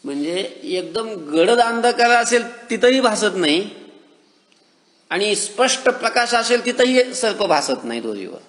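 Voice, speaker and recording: A man with a Marathi accent delivers a devotional sermon in a fairly high voice. He keeps questioning his listeners and answering himself, stretching out the verses he quotes. His voice rings through a large hall with a long, roomy echo. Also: big pitch swings, a little slow, a bit bright. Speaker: kirtan preacher.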